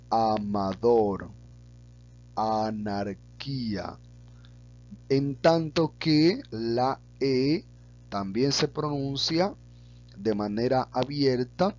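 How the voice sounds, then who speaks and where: A man teaching a public speaking lesson, speaking slowly and stretching out example words. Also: mid-range voice, highs cut off. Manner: slow and deliberate, stretches out sample words. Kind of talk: slow deliberate lesson on vocal technique.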